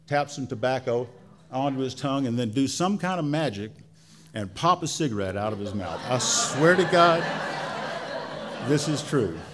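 Folksy man telling a story live. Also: medium pitch. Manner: folksy, colloquial, drawn-out phrasing with pauses.

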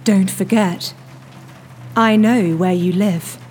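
A man's voice: sits high, soft background music, voice pushed up. A man putting on a vengeful car computer. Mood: menacing. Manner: flat, slow, threatening. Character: menacing smart car computer, vengeful, cold.

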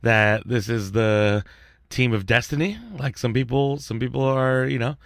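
A man's voice: mid-range voice, fairly even intonation, a little slow, dry recording, studio quality. A man co-hosting a podcast in casual, loose, joking banter with some swearing. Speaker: podcast co-host.

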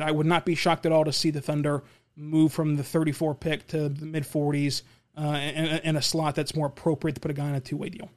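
Man rambling through listener questions. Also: fairly high pitch. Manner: rambling, repeats words and restarts often; opinionated, confident. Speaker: basketball podcast host answering listener questions. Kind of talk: casual solo talk show.

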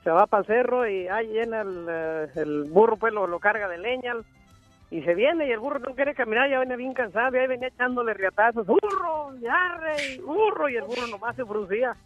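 A man's voice: high voice, fast, dry recording, narrow, tinny audio, soft background music. A man, a radio show comedian, joking and mocking himself while telling a joke.

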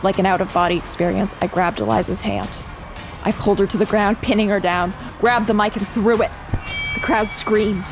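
Determined young woman voiced by an actress, first-person audio drama narration, steady and earnest, mid-pitched voice, soft music behind. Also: moderate pace, lightly acted. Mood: calm narration. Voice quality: steady, earnest narration that turns urgent in dialogue.

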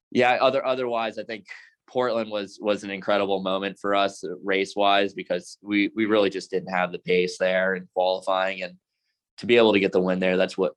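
Halting young racing driver, very deep and flat. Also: male voice. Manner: earnest, halting with many restarts. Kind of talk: podcast interview answers.

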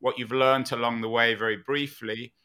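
A male interview host with a bright, forward voice at a middling pitch. He builds long conversational questions in a halting, meandering way, restarting phrases as he goes. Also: flat delivery, clean tone. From United Kingdom. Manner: halting, meandering, frequent false starts.

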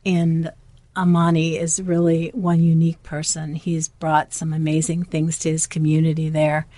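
A woman speaking as an interview guest, explaining in an earnest, steady way. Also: sits low, normal speed, dry recording. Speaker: foundation guest. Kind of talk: casual interview talk.

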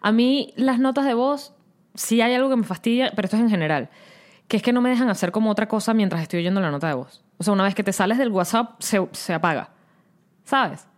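A woman's voice: mid-range voice, a little fast. A woman with a Venezuelan accent co-hosting a casual podcast chat, telling stories expressively and swearing casually. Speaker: podcast co-host.

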